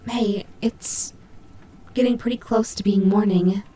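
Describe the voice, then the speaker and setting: A woman voicing a tsundere nightmare animatronic rabbit, gruff but protective, in an intimate, hesitant roleplay audio drama style. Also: medium pitch, steady tone, natural voice. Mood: gentle, reassuring. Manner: hesitant, halting, flustered tsundere softness.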